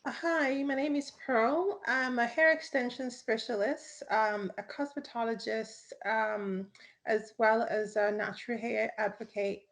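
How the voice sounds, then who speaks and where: A woman hair specialist speaking on a panel, unhurried and pausing often. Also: on the high side, steady tone, vocal fry. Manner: unhurried, many "um" pauses. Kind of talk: panel discussion.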